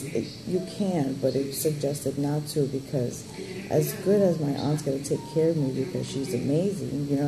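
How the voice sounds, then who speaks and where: This thirties vlogger's voice is low and gravelly, with background noise behind her as she chats about her surgery. Her update is blunt and candid, wandering off track and full of casual swearing.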